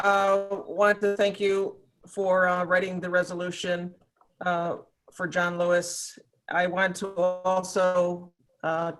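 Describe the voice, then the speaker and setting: Woman legislator, flat delivery, choppy breaking-up call audio. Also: on the low side, rough recording. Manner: halting, with many fillers. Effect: choppy video-call audio breaking up. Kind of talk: reading a tribute at a public meeting. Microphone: video call.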